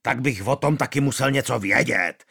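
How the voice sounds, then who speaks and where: A man's voice: mid-range voice, creaky, bright, forceful tone, slightly rough, exaggerated voice. A man doing a blustering town magistrate. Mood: pleading. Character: blustering middle-aged male town official. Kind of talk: audiobook character voice.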